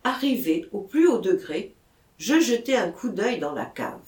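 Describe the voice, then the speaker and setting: Slow, expressive woman narrator. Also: mid-range voice. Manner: measured, expressive. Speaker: audiobook reader. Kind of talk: literary narration. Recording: echoey room.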